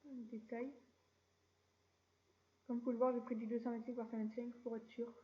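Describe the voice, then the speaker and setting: A woman hosting a casual screen-recorded software tutorial, chatty and relaxed, with mild slang. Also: a little high, moderate pace, muffled recording. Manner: chatty, relaxed, keeps saying "voilà" and drops mild slang. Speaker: tutorial channel host.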